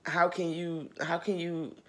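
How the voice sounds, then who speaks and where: A woman vlogger crying as she reacts to her old footage, slow and self-critical. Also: lowish voice, flat delivery. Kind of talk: reaction commentary.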